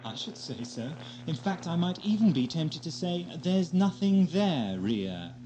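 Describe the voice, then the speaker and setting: A man's voice: on the high side, sing-song, measured pace, noisy background. Man acting a whimsical British Doctor, swooping delivery. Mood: wry, playful. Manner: wry, theatrical British turns of phrase. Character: eccentric, whimsical male time-travelling Doctor, playful and wry. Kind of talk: audio drama acting. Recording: lo-fi 1980s amateur audio drama, music behind.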